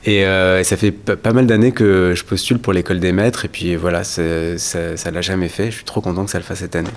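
A man's voice: sits low, steady tone, a little fast. A man from Paris, an actor, answering interview questions in a casual, eager way. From Paris, France. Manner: casual, enthusiastic.

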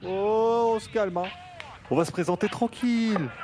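An actor playing a cocky, slangy, teasing street rioter in a French audio drama. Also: male voice, sits high, moderate pace, darkish tone, natural voice. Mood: easygoing.

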